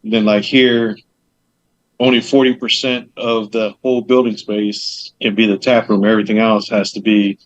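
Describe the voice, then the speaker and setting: Lowish and flat, at a moderate pace with no room sound, a man guests on a casual podcast as the owner of a meadery. He chats and rambles about opening the business, dropping loose fillers and side details and acting out conversations, in dull lo-fi dry audio.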